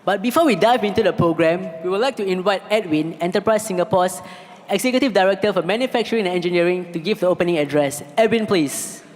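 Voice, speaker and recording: Measured co-host in a reverberant hall. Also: male voice, sits high, some chatter behind. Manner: measured, reading announcements. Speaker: event co-host. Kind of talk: scripted stage hosting. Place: event hall.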